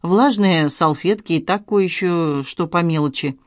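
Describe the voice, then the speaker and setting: A reader voicing an indignant, quick-tempered middle-aged woman in an audiobook scene. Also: on the low side, no room sound, studio quality, close to an everyday voice. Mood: huffy.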